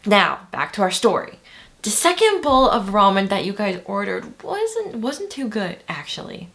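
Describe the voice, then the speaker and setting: Gravelly yet a bit bright, this woman's mid-range voice swings widely in pitch at an unhurried pace. As a language teacher, she talks directly to viewers in a playful, chatty video lesson, calling them "you guys."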